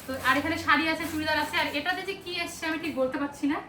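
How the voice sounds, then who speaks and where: A woman's voice: high voice, steady tone, very fast, noisy background. A young woman chatting away casually in a home vlog, a mother rambling through her day. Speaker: vlogger and mother. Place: at home, indoors.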